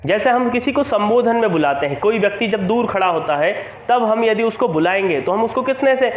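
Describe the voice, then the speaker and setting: High-voiced man teaching grammar, echoey phone-like sound. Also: expressive, fairly quick, slight background noise. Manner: explains step by step, repeating terms and asking questions then answering them. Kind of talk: classroom-style grammar lesson.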